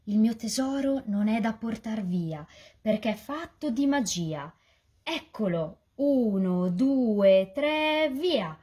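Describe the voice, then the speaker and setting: A woman voicing a mischievous little male mountain gnome in a rhyming storybook, calling out in a high, excited way. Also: takes it slowly, breathy edge, full character voice. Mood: mysterious.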